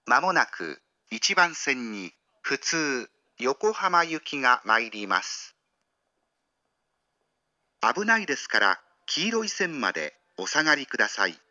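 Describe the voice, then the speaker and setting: A man giving a formal train station platform announcement in a slow, measured announcer delivery. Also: medium pitch, big pitch swings, pushed and bright, dry recording, muffled recording. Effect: recorded train station platform announcement.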